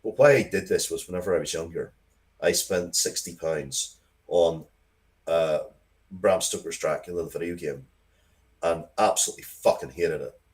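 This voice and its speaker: A middle-aged game and comics creator chats casually as an interview guest, telling stories with enthusiasm, rambling, and swearing freely. His voice is low, and he talks at a moderate pace.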